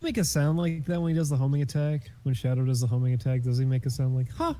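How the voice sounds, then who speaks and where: A man's voice: mid-range voice, little pitch movement, fast, warm tone, no echo. A young man who is a guest, chatting casually about a game and often playfully quoting lines in put-on voices. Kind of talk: casual gameplay chat.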